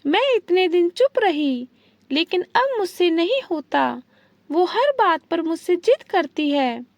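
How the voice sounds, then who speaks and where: A woman's voice: extremely high pitch, very animated, takes it slowly, no room sound, full character voice. A woman voicing an angry, stubborn elderly mother-in-law in a read-aloud story, scolding in a plain reading voice.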